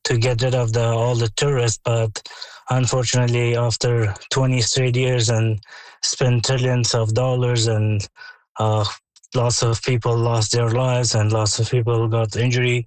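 An Afghan man speaking in hesitant, broken English, full of pauses and fillers. His voice stays flat in pitch, and the sound is dry and close. He answers as a guest calling in to a radio interview. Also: dry recording, low-quality recording. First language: not English. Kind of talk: phone interview. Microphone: phone line.

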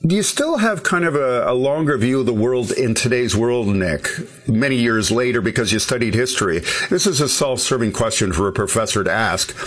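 A man's voice: mid-range voice, expressive, fairly quick, a bit bright. A man hosting an interview as a professor, asking curious follow-up questions.

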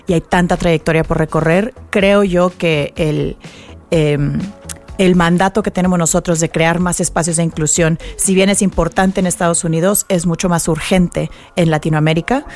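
A woman from Mexico with a Mexican accent, speaking as a guest on a radio interview, thoughtful and unhurried, with many fillers. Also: fairly low pitch, fairly even intonation, a little mellow, faint music behind. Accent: Mexican Spanish. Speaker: guest, nonprofit executive director.

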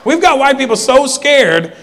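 Man, stand-up comedian, fairly high voice, brash teasing crowd work, reverberant club, faint audience noise. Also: very animated, normal speed. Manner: brash, teasing, bursts into loud cackling laughter. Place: live comedy club stage.

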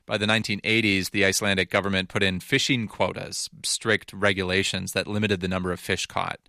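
A man's voice: deep voice, flat delivery, brisk, gravelly, bright, forceful tone, no echo, clean studio sound. A man narrating a scripted news feature in a conversational, explanatory way. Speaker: reporter narrating.

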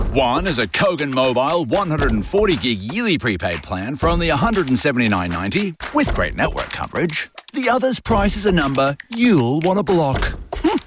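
A man voices a tongue-in-cheek radio-style advert with a deadpan manner. His pitch moves very widely, and there is clear noise with clicks on the recording. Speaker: advertising voice-over. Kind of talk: scripted comedic ad narration.

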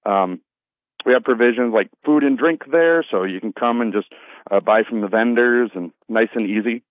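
A man phones in to an interview as a festival organiser, speaking at a moderate pace in a mid-range voice. His manner is sincere, polite, and conversational. The recording is dry, carried over a thin, narrow phone line.

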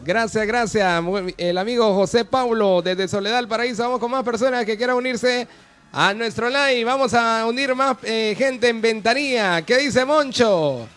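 A man's voice: extremely high pitch, moderate pace, fairly bright tone. A Honduran man hosting a live radio call-in show, greeting callers in a friendly, chatty way. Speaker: radio host.

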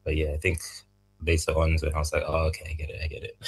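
A young man from Zambia, raised in Malawi, answering interview questions about making music in a soft, thoughtful, halting way. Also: very deep voice, completely flat delivery, husky, rough recording. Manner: soft-spoken, thoughtful, halting, laughs lightly. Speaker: music producer, guest.

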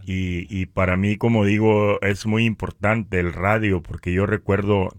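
A man from northern Mexico with a Mexican accent, giving a conversational religious testimony in a halting way, repeating words. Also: lowish voice, level tone, no room sound.

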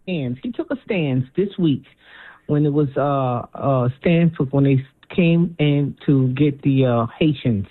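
A woman's voice: a bass voice, unhurried. A woman calling into a radio show, rambling and defensive about her point. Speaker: radio caller. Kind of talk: phone call-in. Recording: tinny phone line.

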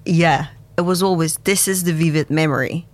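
A woman's voice: deep voice, no room sound. A woman from Kazakhstan whose first language is Russian, a guest on a radio show, talking about fermentation with enthusiasm and frequent laughs. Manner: warm, enthusiastic, unhurried, laughs often. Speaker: studio guest, fermentation expert. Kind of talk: radio interview.

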